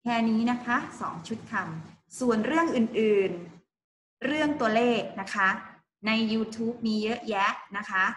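A woman teaches young children English over a video call. She talks slowly and patiently, repeating each word for the class to copy. Her voice sits a little high, and the call sounds roomy with a faint hum. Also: a bit bright. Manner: slow, patient, repeats words for kids to copy. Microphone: video call mic.

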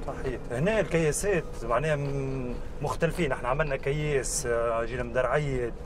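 A man's voice: mid-range voice, fast, noisy background. A man in his thirties with a Tunisian accent, hosting a casual car test drive outdoors and in the car, chatty and slipping French words in. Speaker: car reviewer and host. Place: outdoors in desert, then inside a car. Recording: music playing under the voice.

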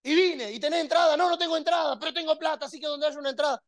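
A man voicing an overexcited male football fan in a high, breathless, stammering voice. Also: very fast, dry recording. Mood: giddy.

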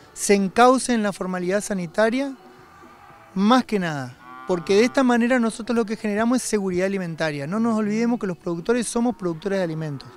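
A middle-aged man giving interview remarks as a livestock producers' representative, recorded outdoors on a handheld microphone. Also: sits high. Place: outdoors by cattle pens. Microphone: handheld reporter microphone.

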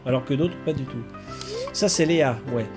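A gaming streamer with a mid-range voice and moderate pace does casual let's-play commentary on a low-quality recording, with game music and rain sounds behind him. He chats, reads game text aloud, and swears lightly now and then.

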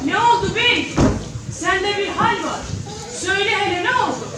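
A woman's voice: expressive, normal speed. A woman playing an anxious, devoted village wife in a stage drama, speaking insistently and pleadingly. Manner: high, insistent, pleading questions. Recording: echoey noisy hall from far off.

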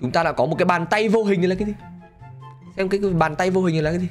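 A man giving excitable gameplay commentary, laughing often and talking straight to his viewers. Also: sits high, rapid-fire, music in the background. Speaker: gaming channel host.

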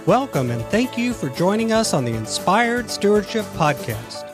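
Higher-voiced man hosting a faith podcast. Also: very animated, music in the background. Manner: earnest, measured announcer delivery. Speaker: podcast host. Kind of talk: scripted intro and interview questions.

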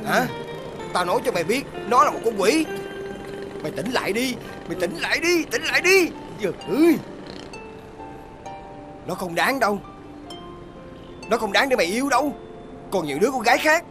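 A woman's voice: a little high, expressive, music in the background, lightly acted. An actress playing a blunt young woman who scolds a drunk friend. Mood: exasperated. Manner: fast, exasperated scolding.

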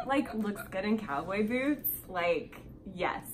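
A woman hosting a casual chat, upbeat and quick to agree, with lots of fillers. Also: mid-range voice, animated, slight background noise. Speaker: host.

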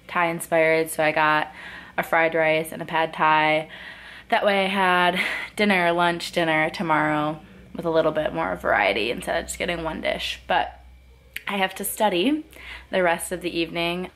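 A woman's voice: lowish voice, a bit bright. A woman in her twenties, a dental student, chatting casually to a laptop camera in her bedroom at night, rambling through her day. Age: 20s. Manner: chatty and rambling, quick asides.

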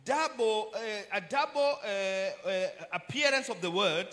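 Preaching to his congregation in a voice that sits notably high for a man and sounds a bit bright, he speaks in brief, measured phrases. After each one he stops to leave space for an interpreter.

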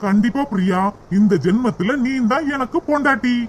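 A devoted young rich boyfriend, voiced by a man in a cartoon, who talks earnestly and reassuringly in a southern Tamil accent. His voice sits very high for a man, with faint noise behind it. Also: expressive, moderate pace.

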